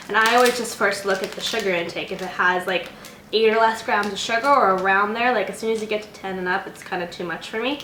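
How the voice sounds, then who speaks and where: A woman's voice: mid-range voice, a bit bright. A young woman chatting casually on her vlog, rambling and correcting herself as she reviews snacks. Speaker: beauty and lifestyle vlogger. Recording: echoey home room with faint noise.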